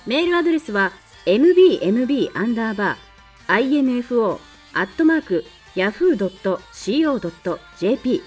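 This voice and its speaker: A woman's voice: a little high, darkish tone, distant mic. A woman podcast announcer reading polite scripted notices to listeners.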